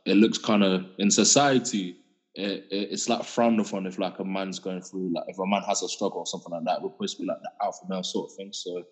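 Man in his twenties, English accent, very low pitch, breathy husky tone, colloquial, reflective casual podcast talk. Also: steady tone, fast talker, rough recording. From England. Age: 20s. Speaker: podcast panellist.

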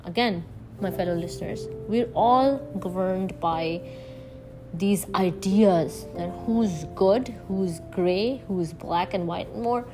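A woman delivers a reflective solo podcast monologue over clearly audible music. Her voice sits at a middling pitch. She speaks haltingly, searching for words, and leans firmly on key ones as she addresses her listeners. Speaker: podcast host. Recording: music bed behind the voice.

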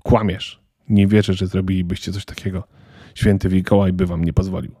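A man's voice: deep voice, level tone, brisk, mellow, husky, no echo, studio quality. A man voicing a spoiled, defiant eight-year-old girl who talks in a cold, smug, self-assured way.

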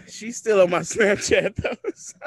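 A man's voice: sits high, slow, a bit bright, slightly rough, dry recording. A man telling a funny personal story in casual chat, often laughing as he talks.

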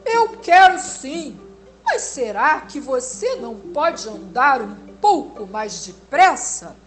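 Big loud bouncy bunny guy, done by a woman, high and excited, music behind. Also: full character voice. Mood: eager. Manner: loud, eager and hurried. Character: bouncy young male rabbit. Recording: music playing underneath.

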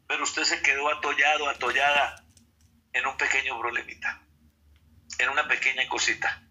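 A man's voice: medium pitch, level tone, moderate pace, sharp tone, poor audio. A man preaching a sermon, calling out to his listeners and acting out the quotes he reads with emphasis.

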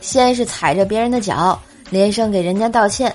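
With background music behind her, a podcast host tells jokey, funny stories in a playful manner, frequently breaking into laughter. She speaks in a mid-range voice at a moderate pace.

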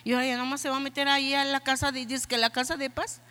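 A jealous husband with a Mexican accent snoops on his wife with quick, grumbling questions, as a woman pastor puts him on. The voice sits a bit high, bright and pushed. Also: flat delivery, in a large hall. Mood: scheming. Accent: Mexican Spanish. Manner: nosy, grumbling, rapid-fire questions. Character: jealous suspicious husband, grown man.

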